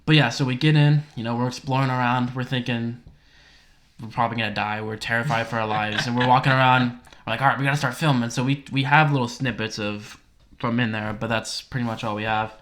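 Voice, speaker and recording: A young man co-hosting a casual podcast, excitedly retelling a story, swearing often and acting out his friends' lines. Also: mid-range voice, fast. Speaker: podcast co-host. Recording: roomy echo.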